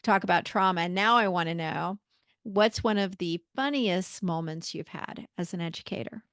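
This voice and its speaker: Woman host w a lowish voice, dry close sound, chatting, affirming. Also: normal speed, a bit bright, dry recording. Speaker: podcast host. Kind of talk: casual interview chat.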